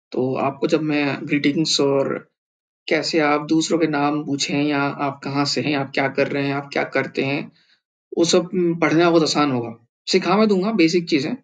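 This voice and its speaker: A man's voice: on the high side, lo-fi sound. A man teaching a language lesson, patiently sounding out words syllable by syllable and repeating them for practice.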